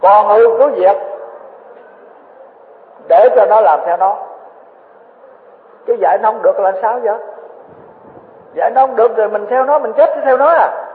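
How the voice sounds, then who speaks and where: A man's voice: high voice, normal speed, pauses often. Man, Southern Vietnamese accent, Buddhist sermon, repeats for emphasis, long hall echo. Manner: earnest, conversational, repeats phrases for emphasis. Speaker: Buddhist teacher. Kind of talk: dharma talk sermon. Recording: echoey hall on a tinny, phone-like line.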